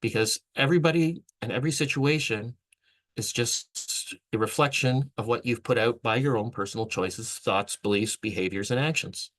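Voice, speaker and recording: A man's voice: mid-range voice, moderate pace, a bit bright, rough recording. A man hosting a vlog, delivering an earnest, rambling motivational monologue with frequent restarts. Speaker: vlog host.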